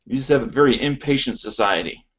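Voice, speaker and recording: A man's voice: medium pitch, expressive, fast, fairly bright tone, breathy edge. Man, podcast host, stammering, opinionated, lo-fi sound. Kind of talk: casual chat.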